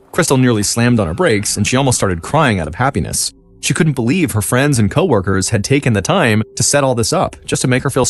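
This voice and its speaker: A man narrating a true-crime story as a podcast host, in a dramatic storytelling manner. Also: medium pitch. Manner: dramatic storytelling, lively intonation. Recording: faint music behind.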